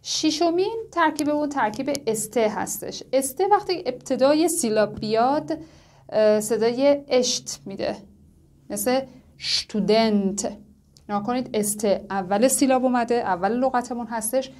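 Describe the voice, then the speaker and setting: A woman teaching a language lesson. She says the example words slowly and drawn out, then explains each one at a quicker pace. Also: a little high, a little mellow. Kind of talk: lesson narration.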